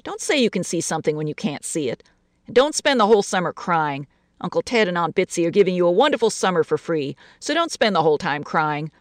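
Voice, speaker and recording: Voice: medium pitch, big pitch swings, quick pace, no room sound, studio quality, natural voice. A storyteller voicing a stern, lonely middle-aged aunt who scolds a child bluntly. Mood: scolding.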